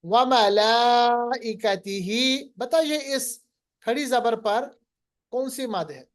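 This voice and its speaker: A man teaching Quran recitation in a lesson, quizzing his student and slowly drawing out recited words. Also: extremely high pitch, expressive. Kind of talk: online lesson.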